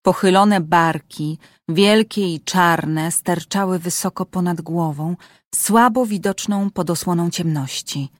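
A woman narrating a dark story as an audiobook, with measured, suspenseful reading. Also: lowish voice, dry recording, studio quality.

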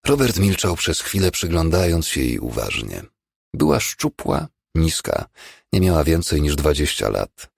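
Deep gravelly male audiobook narrator. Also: wildly swooping pitch, measured pace, dry recording, clean studio sound. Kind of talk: scripted narration.

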